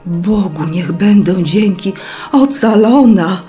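A woman's voice: mid-range voice, animated, a little slow, a little mellow, soft background music, close to an everyday voice. Woman doing a gushing, motherly headmistress. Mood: soothing. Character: fussy, doting older woman school headmistress.

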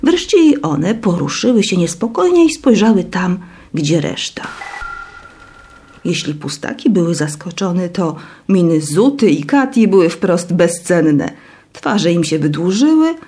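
Expressive woman reading an audiobook. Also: fairly low pitch, unhurried. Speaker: audiobook narrator. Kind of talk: first-person scripted narration.

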